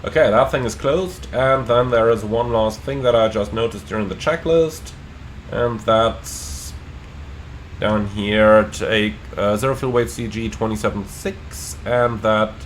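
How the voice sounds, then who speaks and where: A man's voice: lowish voice, a little slow. A man working as a pilot gives flight simulator commentary mixed with procedural cockpit callouts. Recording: faint cockpit hum behind voice.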